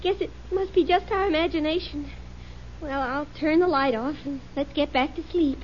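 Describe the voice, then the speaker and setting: An actress playing a sweetly teasing housewife and mother with an American accent, in the coy, expressive style of old-time radio comedy. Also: high-pitched, normal speed, lightly acted. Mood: frightened. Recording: muffled old radio recording, audience noise.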